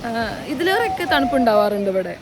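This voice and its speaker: A woman's voice: fairly high pitch, very animated, quick pace. A Malayali woman vlogging casually outdoors, mixing English words into her Malayalam. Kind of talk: casual vlog narration. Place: outdoors at a beach campsite. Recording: noisy outdoor ambience.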